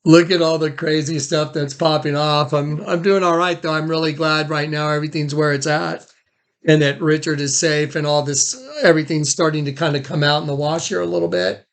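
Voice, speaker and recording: A man with a fairly high, creaky voice talks a little fast in a flat way. He's hosting a recorded phone conversation, documenting it in a loose, casual style that tends to ramble.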